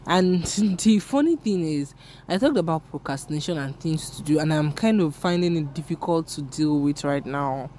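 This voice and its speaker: Deep, dark-toned and animated, this young Nigerian woman's voice moves at a moderate pace over a faint hiss or hum. With Yoruba as her first language and a Nigerian English accent, she hosts her own podcast, rambling through a candid, self-mocking solo chat.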